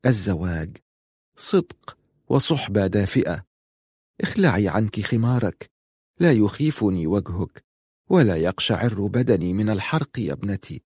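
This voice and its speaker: A man voicing a calm, wise older noblewoman in an audiobook, speaking slowly in a lowered voice. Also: husky, no room sound, clean studio sound. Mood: calm, counseling.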